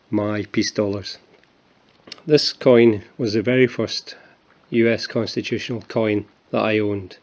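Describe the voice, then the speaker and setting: A lowish, darkish male voice, with the highs cut off in the recording. He is a Scottish man in his fifties presenting his coin collection in a relaxed show-and-tell vlog, self-mocking and heavy on fillers and restarts.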